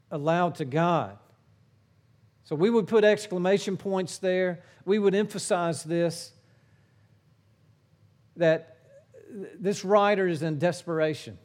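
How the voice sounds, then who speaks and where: A middle-aged man preaching a sermon in an earnest way, swinging between forceful emphasis and hushed, low phrases.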